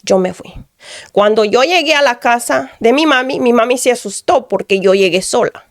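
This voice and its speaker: A woman's voice: fairly high pitch, normal speed, no room sound, studio quality. A woman from Guatemala giving an earnest personal testimony, repeating phrases and often addressing the pastor. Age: adult.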